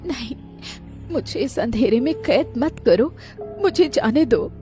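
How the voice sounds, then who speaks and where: A woman voicing a gentle, suffering mermaid in a cartoon, pleading through sobs. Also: fairly high pitch, lively intonation, takes it slowly, faint music behind, pitched above the performer's own voice. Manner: pleading, sobbing.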